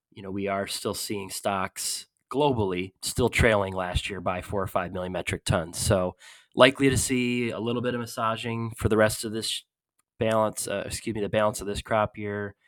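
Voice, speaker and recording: Flat-voiced man analyst, dry sound. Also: on the low side, no room sound, low-quality recording. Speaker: market analyst. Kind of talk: podcast market commentary.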